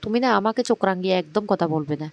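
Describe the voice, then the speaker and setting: A man's voice: sits high, rapid-fire, dull audio, natural voice. A man voicing a scornful young daughter-in-law who talks back in a sneering, defiant way.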